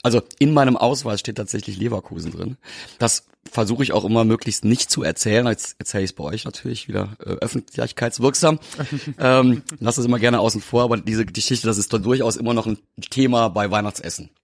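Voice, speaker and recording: Man, low voice, hesitant, lots of ums, wry storytelling, dry close sound. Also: fairly quick, gravelly, no echo. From Cologne. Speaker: guest, tour company co-founder. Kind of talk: casual podcast interview.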